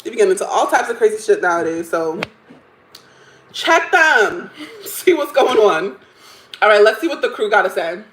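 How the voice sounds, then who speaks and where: A woman's voice: medium pitch, big pitch swings, normal speed, long pauses, fairly bright tone, a little hiss or hum. Thirties woman host, opinionated and chatty, laughing often, roomy echo on the recording. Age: 30s. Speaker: livestream host. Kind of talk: casual chat reacting to stories and chat comments.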